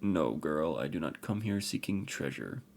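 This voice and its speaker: A man's voice: very deep voice, animated, gravelly, darkish tone, a little hiss or hum, full character voice. A man doing a grave ancient warrior emperor. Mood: weary. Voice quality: rich voice with an unfamiliar accent. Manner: formal, grave and measured. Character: ancient armored warrior emperor, solemn and weary.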